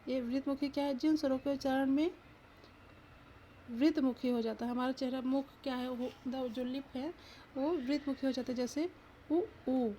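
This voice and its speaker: A woman's voice: sits high, steady tone, normal speed, mellow, slight background noise. A woman teacher giving an exam-prep lesson, asking the viewer questions and sounding out each letter aloud.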